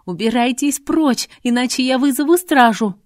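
A woman voicing a frightened young heroine who shouts back, her voice trembling with fear and anger. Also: medium pitch, moderate pace, no echo, studio quality, close to an everyday voice. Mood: defiant.

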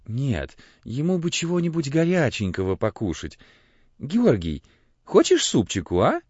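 A man's voice: mid-range voice, wildly swooping pitch, a little slow, slightly rough, no echo, pitched above the performer's own voice, exaggerated voice. A man playing a kindly fussing old priest. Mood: concerned. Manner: gentle, fatherly, clucking concern. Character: kindly, fussing elderly male village priest. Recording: dull, muffled audio.

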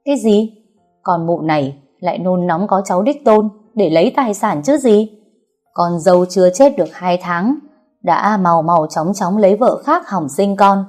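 Woman doing a shrill, spiteful concubine. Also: animated, normal speed, darkish tone, faint music behind. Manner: shrill, scolding, threatening. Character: spiteful, domineering middle-aged concubine.

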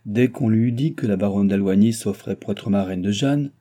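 An excitable, scheming nobleman, as a male narrator plays him, theatrical and insinuating, jumping up in pitch. The voice underneath stays dark and mellow, like a storybook reading. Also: moderate pace, close to an everyday voice.

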